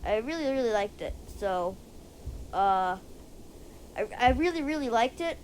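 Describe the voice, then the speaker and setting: A woman with a squeaky voice giving casual, rambling gameplay commentary, often going off on tangents and restarting her sentences. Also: lively intonation, unhurried, a little mellow, slight background noise, poor audio. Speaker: gaming video creator. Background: faint music and controller clicks.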